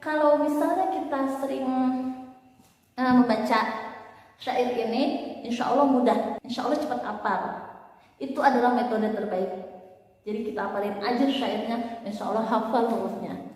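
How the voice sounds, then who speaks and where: A woman's voice: fairly high pitch, moderate pace, pauses often, darkish tone. A woman teaching recitation rules, chanting the examples and letter rhymes in a sing-song voice. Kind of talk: tajwid lesson with chanted examples. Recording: echoey room with long reverb.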